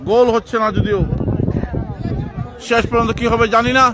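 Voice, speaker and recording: A man giving frantic, excited live football commentary, repeating phrases over and over and stretching out his shouts. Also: very high voice, normal speed. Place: outdoor village football ground. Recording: outdoor crowd noise behind the voice.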